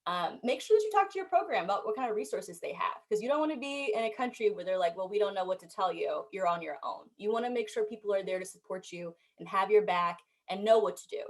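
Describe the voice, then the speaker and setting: A young woman from the United States, speaking as a panelist and telling her story in an animated, emphatic way. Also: mid-range voice, quick pace, hardly any pauses. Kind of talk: panel discussion.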